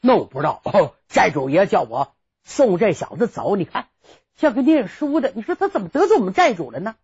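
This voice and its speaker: A woman voicing a coarse, drunken male bandit executioner who talks in a gruff, mocking drawl, on a dull lo-fi recording. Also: mid-range voice, very animated, fairly quick, a little mellow, no echo, heavily acted.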